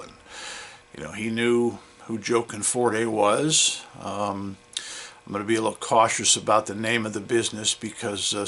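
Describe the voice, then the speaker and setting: Older guy in his 60s, lowish voice, just casually telling a long story to camera. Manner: relaxed, rambling storyteller. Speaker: vending business owner.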